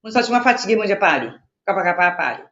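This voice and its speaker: A woman from Mauritius with a Mauritian Creole accent, chatting on the radio in an animated, repetitive, emphatic way. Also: mid-range voice, quick pace. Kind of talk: casual radio chat. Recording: roomy lo-fi radio recording.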